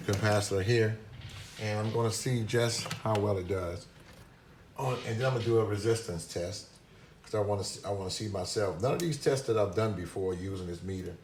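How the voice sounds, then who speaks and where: A man's voice: lowish voice, noisy background. A man giving a casual, hesitant hands-on demonstration at a workbench, with many restarts and fillers, recorded on a phone camera. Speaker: product reviewer demonstrating a meter.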